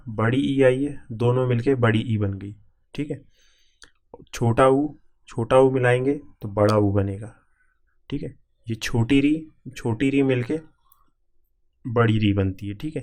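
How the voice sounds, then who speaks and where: A male teacher walks exam students through a grammar lesson at a plain middle pitch. He splits each word into its parts one at a time and checks in with the class again and again. His delivery is patient and repetitive. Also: a little mellow. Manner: repetitive, keeps checking in with "ठीक है"; spells out word parts slowly, piece by piece.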